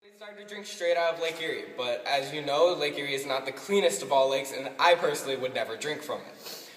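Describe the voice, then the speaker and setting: A man's voice: lively intonation, brisk, fairly bright tone, a little hiss or hum. A young man leading a group on a cave tour, joking as he explains the rules and rock formations, heard in cave echo. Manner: joking, upbeat. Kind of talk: guided tour talk to a group. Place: inside a cave, underground. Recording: booming cave echo from far off.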